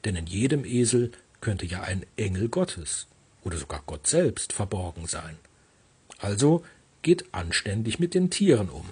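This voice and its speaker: Very husky male pastor preaching. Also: lowish voice, very animated, a little mellow. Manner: measured, earnest preaching. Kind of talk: recorded devotional reflection.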